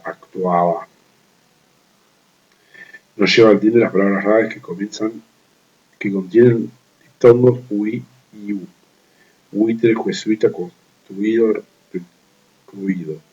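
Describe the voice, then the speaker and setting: A man with a fairly low, mellow voice reads a study text aloud at an even, methodical pace. He stops to repeat words he trips over and slips in short offhand comments. The recording sounds dull and lo-fi. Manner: reads steadily, restarting stumbled words, with brief offhand asides. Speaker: law study reader. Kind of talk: reading a legal writing manual aloud.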